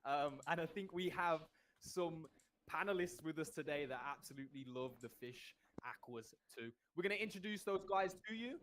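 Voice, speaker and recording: A man's voice: fairly high pitch, moderate pace, a bit bright, slight background noise. A man co-hosting a live stream, bantering and joking in a playful way. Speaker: co-host.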